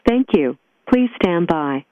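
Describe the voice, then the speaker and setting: A woman's voice giving an automated conference-call prompt in an even, scripted, machine-like delivery. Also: lowish voice, slow pace, dry recording. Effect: automated phone system prompt. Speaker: conference call system announcer. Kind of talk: recorded automated announcement. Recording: tinny phone line.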